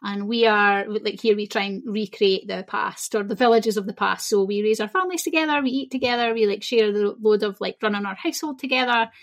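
A Scottish woman who teaches shamanism chats casually as a guest on a podcast interview. Her medium-pitched voice is brisk with few pauses, and she's talkative and quick to laugh.

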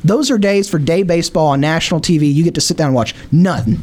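A man's voice: a little high, quick pace, darkish tone. A man co-hosting a sports talk show in casual banter, repeating himself for emphasis as he makes his point. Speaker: sports radio show co-host.

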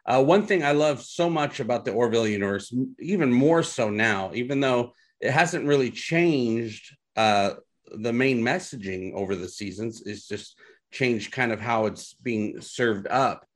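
A young man hosting a podcast interview, casual and relaxed, laughing easily and pausing on fillers. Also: mid-range voice. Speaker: podcast host.

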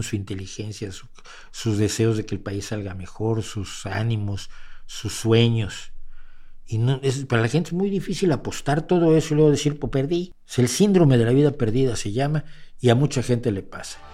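Mexican man with a warm voice. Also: mid-range voice, moderate pace. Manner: conversational, wry, many restarts and rhetorical asides. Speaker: host answering viewer questions. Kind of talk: casual talk show monologue.

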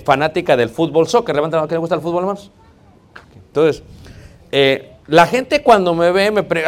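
A man with a Mexican Spanish accent preaching a sermon in a conversational, joking way, often calling out to the congregation. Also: on the high side. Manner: conversational, joking, keeps addressing the congregation as brothers.

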